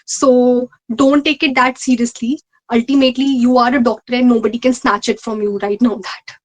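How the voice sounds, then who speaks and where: A young adult woman with an Indian accent, a ranker in a medical postgraduate exam, gives earnest, conversational interview answers, repeating phrases for emphasis. Her voice is a little high and flat, at normal speed, on a rough recording.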